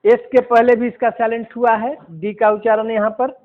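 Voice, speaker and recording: A man teaching English pronunciation, explaining word by word in a slow, deliberate way. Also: very high-pitched, little pitch movement. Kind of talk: pronunciation lesson. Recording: phone-like narrow sound.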